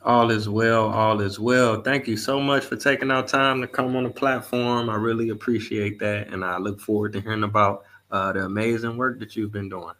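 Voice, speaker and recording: A man hosts a podcast interview, polite and a little formal in how he phrases things. His voice is bright and forward, sits on the low side, and stays quite flat in pitch. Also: normal speed, few pauses. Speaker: podcast host. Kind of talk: interview questions.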